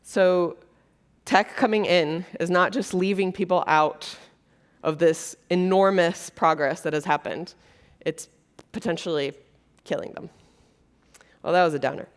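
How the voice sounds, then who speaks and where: Speaking slightly slowly in a lowish voice, a Brazilian woman gives a keynote on a conference stage. Her delivery to the audience is earnest and conversational, sprinkled with fillers.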